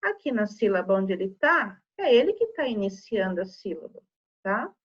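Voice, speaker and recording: A woman's voice: mid-range voice, big pitch swings, highs cut off. A woman teaching young children a remote lesson, sounding out words syllable by syllable and checking in with "tá?" after each point. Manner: slow, syllable-by-syllable dictation with frequent "tá?" checks. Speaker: primary school teacher.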